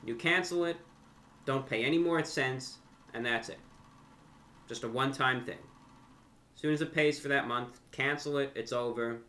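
In a conversational piece filmed in a furnished room at home, a young American man who runs a video channel and radio show addresses the camera. He has a medium-pitched, bright, forceful voice at a normal speed, sounding earnest and repeating phrases for emphasis.

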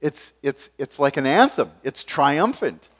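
A man's voice: a little high, very animated, a little slow. Emphatic older male preacher at pulpit. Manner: emphatic, gesturing preacher with sudden drops to quiet. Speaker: pastor. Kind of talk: sermon. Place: church stage behind a wooden pulpit.

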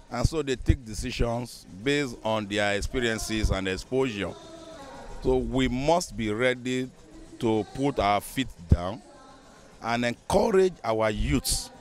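A Nigerian man in his fifties, a bishop, speaking earnestly and measuredly in an outdoor news interview into a handheld microphone. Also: medium pitch. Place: outdoors beside a building.

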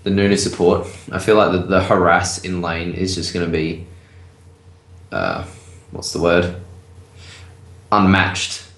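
A man's voice: deep voice, a little slow, fairly bright tone. A teenage boy with an Australian accent, casting a school esports match, rambling and searching for words. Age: teens. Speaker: student shoutcaster. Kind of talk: casual esports commentary. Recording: echoey room, faint noise, clicks.

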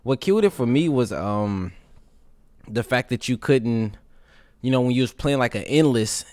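A young American man giving excited, slangy gameplay commentary and casual chat as a gaming video host, speaking into a close microphone. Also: mid-range voice, moderate pace, no room sound. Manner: animated, slangy, exclaiming. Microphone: close microphone on boom arm, with headset.

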